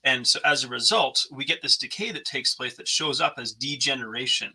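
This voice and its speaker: Husky, bright, and forceful, the medium-pitched voice belongs to a North American man hosting a podcast interview at a slightly fast pace. He sounds thoughtful and searching, with frequent restarts and fillers, and the audio quality is poor.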